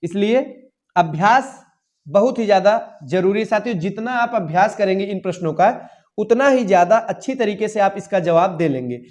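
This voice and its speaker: A young man with a fairly high-pitched voice explains exam answers one by one. He talks to his students as friends, poses each question himself and then settles it. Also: animated, moderate pace, darkish tone. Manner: addresses listeners as "saathiyon", asks and answers his own questions. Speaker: Hindi exam tutor.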